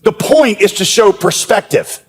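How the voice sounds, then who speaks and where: A man preaching a sermon as pastor, with humorous storytelling and lively asides. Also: sits high, a little slow, slightly rough. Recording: echoey hall.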